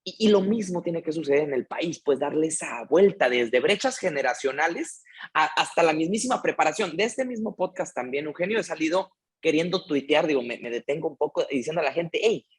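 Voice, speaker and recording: A man's voice: a little high, expressive, brisk, husky. A Mexican man hosting a podcast, chatting casually and asking long, enthusiastic questions. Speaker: podcast host.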